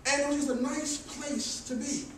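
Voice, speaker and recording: A woman's voice: sits high, fairly even intonation, normal speed. Echoing funeral eulogy, woman in dignified grief. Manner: repeats phrases for rhetorical effect. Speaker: grandchild giving a funeral eulogy. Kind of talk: funeral eulogy, storytelling turning to preacher-like cadence. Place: large echoing room at a funeral service. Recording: very echoey hall, distant mic, faint noise.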